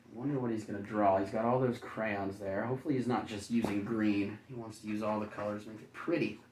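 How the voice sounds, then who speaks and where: A fairly low-pitched, slightly mellow male voice with fairly even intonation reads a children's picture book quite quickly, kindergarten-teacher style, pausing for playful, folksy chatter. There's slight background noise, roomy echo and a distant microphone.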